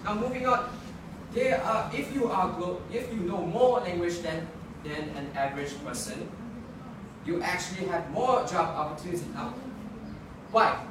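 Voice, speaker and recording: A young student debater, not a native English speaker, delivers a competitive debate speech in a formal setting, pressing his argument earnestly and often correcting himself or restarting phrases. His voice is high, expressive, and at a normal pace, picked up by a distant mic in a very echoey room with clear background noise.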